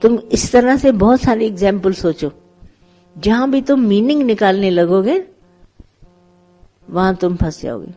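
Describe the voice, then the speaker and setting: A middle-aged woman gives a devotional satsang discourse in a warm, mellow voice. She speaks conversationally to a seated group, tells parables and acts out the quotes in them. Her pitch sits at an ordinary middle height for a woman. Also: animated, a little slow, pauses often, soft background music, poor audio. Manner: conversational, tells parables with acted quotes, mixes English words. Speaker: spiritual teacher leading satsang.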